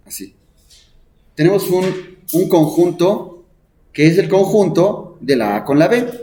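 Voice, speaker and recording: A man gives a math lesson in a classroom. His voice sits a little high, and he thinks aloud at the board. He keeps asking the students questions and pauses on "este". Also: warm tone. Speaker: math teacher. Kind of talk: classroom lecture.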